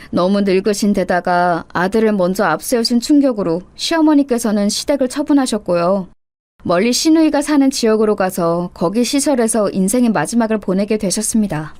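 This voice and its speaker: A woman reading a first-person life story in a steady, confessional storytelling manner. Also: mid-range voice, dry recording. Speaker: story narrator.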